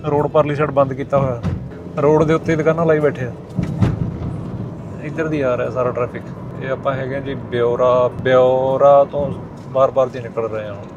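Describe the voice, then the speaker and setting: A man's voice: mid-range voice, steady tone, moderate pace, muffled recording. A man giving casual running commentary as a travel vlogger out on the road. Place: outdoors and on the road. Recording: clear outdoor traffic noise.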